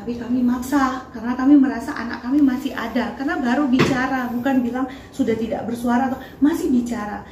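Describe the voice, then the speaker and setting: High-voiced woman with a lilt. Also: fast, hardly any pauses, reverberant, a crowd in the background. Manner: acts out the dialogue as she retells it. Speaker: bereaved parent speaking to reporters. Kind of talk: emotional first-person account.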